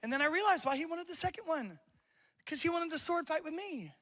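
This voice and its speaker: A man's voice: very high-pitched, animated, fairly quick, a bit bright. A man in his thirties preaching a sermon at church, telling stories casually and laughing often. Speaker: pastor. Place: church campus.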